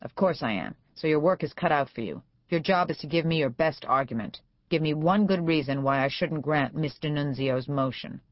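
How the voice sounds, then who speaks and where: A woman's voice: low voice, moderate pace, dry recording, lightly acted. A woman reading as a sarcastic bullying judge. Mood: scolding. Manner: sarcastic, domineering. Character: sarcastic bullying older male federal judge. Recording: dull dry studio sound.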